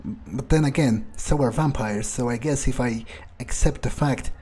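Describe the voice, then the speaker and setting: A man with a warm, husky, medium-pitched voice talks at a moderate pace while improvising in-character commentary over a game. He's a gamer doing an in-character playthrough, thinking aloud hesitantly, repeating words, and swearing casually.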